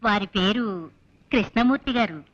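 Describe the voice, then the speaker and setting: An actress playing a patient older housewife who gently hushes her deaf husband. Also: medium pitch, measured pace, lightly acted. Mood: gentle. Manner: gentle, apologetic, keeps hushing her husband. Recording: dull lo-fi film soundtrack.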